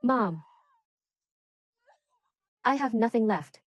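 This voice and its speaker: A woman's voice: a little high, expressive, drawn-out words, dry recording, muffled recording, exaggerated voice. A woman in an English drama dub playing a desperate young daughter who pleads and accuses through her grief. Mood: grieving.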